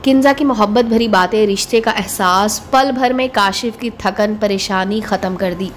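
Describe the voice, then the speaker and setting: A woman narrating a moral story in an even, gentle storytelling manner. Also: medium pitch, normal speed, a little hiss or hum. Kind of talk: scripted narration.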